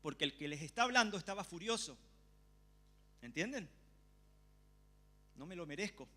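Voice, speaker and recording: A man with an Argentine accent preaching a church sermon, telling a personal story with lively, acted-out reactions. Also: high-pitched, moderate pace. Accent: Argentine Spanish. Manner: animated storytelling, acting out his own past reactions.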